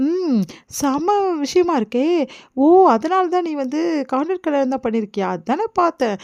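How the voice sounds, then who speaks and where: A woman's voice: high-pitched, lively intonation, normal speed, a little mellow, no echo, muffled recording. A woman voicing a cruel man who mocks the bride. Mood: mocking. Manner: taunting. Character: sneering older man, mocking, cruel.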